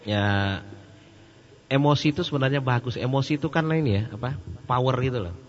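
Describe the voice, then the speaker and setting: A man giving a casual question-and-answer sermon, joking and animated. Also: medium pitch, a little fast, long reverb tail. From Sumatra. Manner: joking and animated, laughs at his own jokes. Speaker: Islamic preacher. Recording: muffled lo-fi recording with faint hum.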